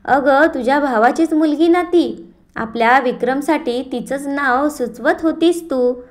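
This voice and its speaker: A woman voicing an easygoing middle-aged father who calms things with gentle jokes. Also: high-pitched, measured pace.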